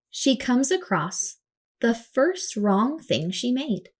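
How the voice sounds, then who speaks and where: A female storyteller with a husky, mid-range voice reads a picture book aloud to children. She performs it expressively and dramatically, acting out the words with her voice.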